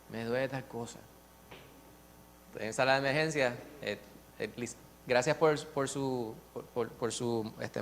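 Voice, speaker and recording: A man sharing at a church Bible study, earnest and lively, telling stories with many restarts and asides. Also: mid-range voice, a little hiss or hum. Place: church classroom.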